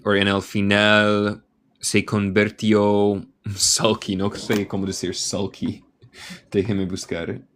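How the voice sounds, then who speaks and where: A man with an American accent teaches a slow bilingual reading lesson, speaking Spanish as a second language. His voice sits fairly low and he takes his time. He explains each word patiently and thinks out loud as he goes. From Michigan, United States. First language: English.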